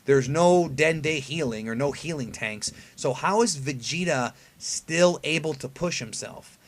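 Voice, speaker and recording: A male anime review host speaks in a fairly high register. He breaks down a preview in a casual, conversational way, stressing his points and putting rhetorical questions to viewers. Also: unhurried. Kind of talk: casual fan commentary breaking down an episode preview.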